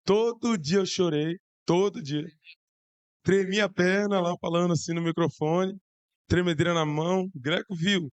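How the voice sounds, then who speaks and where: A hoarse young man with a Brazilian Portuguese accent, telling a church testimony in an excited, slangy way. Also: high-pitched, normal speed, no echo. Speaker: church youth member giving testimony. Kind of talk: casual testimony to a congregation.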